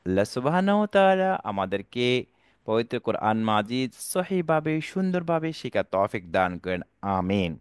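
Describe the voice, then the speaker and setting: A male Quran teacher giving an online alphabet lesson, drawing out each letter slowly and asking viewers to repeat after him. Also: mid-range voice, big pitch swings, clear, resonant tone, no echo, studio quality. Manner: slow, drawn-out letter recitation for viewers to repeat; patient, repetitive teaching.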